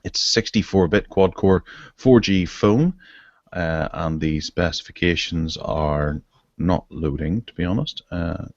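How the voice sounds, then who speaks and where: A man hosting a casual tech podcast over an online video call, chatty and relaxed as he leads the segments. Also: deep voice, measured pace, no echo, muffled recording. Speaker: podcast host.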